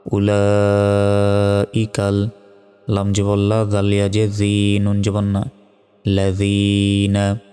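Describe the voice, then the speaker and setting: A man teaching Quran reading, spelling out each word slowly and evenly, then reciting it in long drawn-out tones. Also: lowish voice, clear, resonant tone, long reverb tail. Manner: slow, even spelling drills, with drawn-out recitation.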